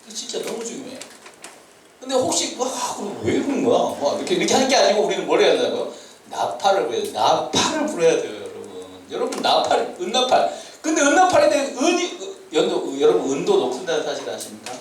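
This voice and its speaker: A man preaches to a youth group, his voice rising and falling widely as he shouts calls and laughs between his points. He sounds a bit high for a man. The recording is from far off in a very echoey church hall, with faint ambience behind him. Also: huge pitch swings, quick pace, slight background noise. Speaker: youth pastor. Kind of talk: sermon to high schoolers.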